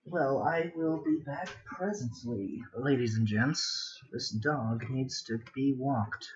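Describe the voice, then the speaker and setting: Taking it slowly in a medium-pitched voice, a man hosts a livestream from home, drawing and chatting casually while muttering self-deprecating remarks. A dog is nearby, and the dull lo-fi audio carries a little hiss or hum.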